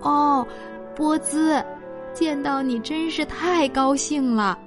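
Woman doing a frightened young calf, high wailing pleas, slow drawn-out words, storybook voice. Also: music in the background. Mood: pleading. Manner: wailing and pleading. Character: distressed young calf stuck in a fence.

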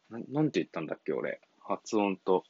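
A man with a lowish voice gives casual English-learning advice on a solo podcast, his pitch swinging widely as he talks. He rambles, chuckles and apologizes when he loses his place. The recording is dry and a little dull. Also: darkish tone, husky, dry recording. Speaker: English coaching podcast host.

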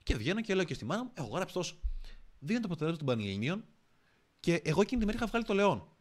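Young man, animated storytelling guest. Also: sits high. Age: young adult. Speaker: podcast guest. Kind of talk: casual storytelling chat.

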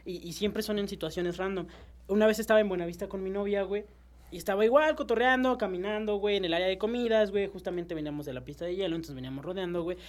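A young man with a Mexican accent, telling excitable, slangy stories in casual chat. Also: high-pitched, fast talker.

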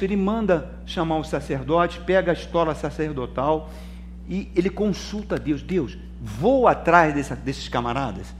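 A high-voiced Brazilian man preaches a sermon as pastor, his delivery swinging from loud bursts to quiet asides. He keeps calling his listeners brother. A faint hum sits under the recording. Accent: Brazilian Portuguese. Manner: dramatic preaching, swings between loud and soft.

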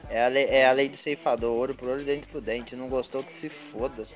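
A man's voice: medium pitch, fairly even intonation, a little fast, soft background music. A young man giving blunt, cursing opinions during a casual chat. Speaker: guest.

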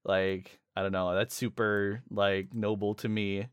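A man co-hosting a podcast in casual chat, animated and laughing often as he retells scenes. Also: fairly low pitch, measured pace, clear, resonant tone, dry recording. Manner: animated, laughs often, quotes characters in funny voices. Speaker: podcast co-host.

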